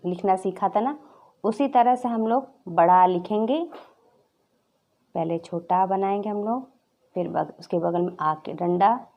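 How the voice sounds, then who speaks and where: Slow, gravelly-voiced woman teaching toddlers. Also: mid-range voice, highs cut off. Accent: Hindi. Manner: drawn-out repetition, stressing each letter. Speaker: nursery teacher. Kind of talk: slow, clear classroom lesson for small children.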